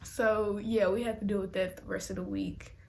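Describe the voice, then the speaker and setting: A young woman vlogger telling a casual storytime, animated and laughing, with dramatic whispered asides. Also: medium pitch, normal speed.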